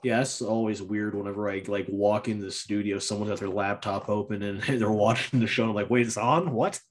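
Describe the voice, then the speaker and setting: A man co-hosting a casual podcast chat, laid-back and quick to laugh. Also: fairly low pitch, steady tone. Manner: laid-back, laughs often, jokingly plays a brash wrestler. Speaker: podcast co-host.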